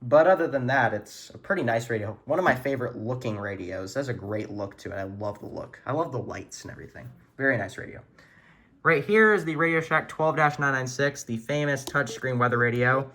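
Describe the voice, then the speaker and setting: In his room at home, a man shows off his weather radio collection in a casual video, talking informally like an earnest hobbyist. His mid-range voice is expressive, brisk and fairly bright.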